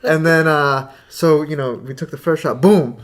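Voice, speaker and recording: A man's voice: fairly high pitch, moderate pace. A man co-hosting a podcast, telling a party story in casual chat, laughing often and acting out what people said. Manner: animated storytelling, laughs often, acts out quotes. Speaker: podcast co-host. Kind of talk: casual chat among friends.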